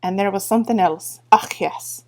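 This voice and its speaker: A woman's voice: medium pitch, normal speed, a little mellow, natural voice. A woman voicing a tiny, rowdy male fairy warrior, reading a book aloud. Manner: boisterous, rallying.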